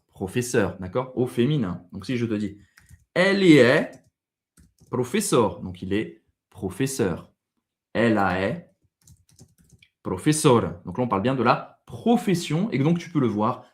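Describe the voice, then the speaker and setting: Lively French man teaching a lesson. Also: a little high. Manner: animated, quizzes the viewer and models Portuguese words slowly. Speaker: language teacher. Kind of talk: video lesson.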